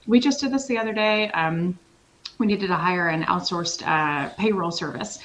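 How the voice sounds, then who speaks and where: A middle-aged woman from Switzerland, a consultancy founder answering interview questions in an energetic, emphatic way and laughing easily. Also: on the low side, moderate pace, poor audio. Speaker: sales consultancy founder, guest.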